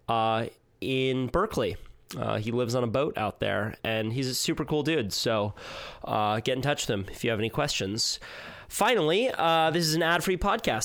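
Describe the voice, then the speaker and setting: A man's voice: mid-range voice, fairly bright tone, dry recording. A man hosting his podcast talks through the show's intro in a loose, casual way, with many fillers and some swearing. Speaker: podcast host. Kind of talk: solo podcast intro monologue.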